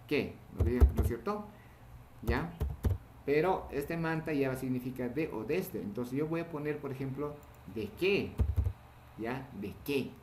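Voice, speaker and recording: A male language teacher giving a recorded class, explaining slowly and checking in with repeated short questions. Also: medium pitch, darkish tone. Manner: patient, repeats words and asks "¿no?", "¿ya?". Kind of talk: online class lecture. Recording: echoey room with faint ambient noise.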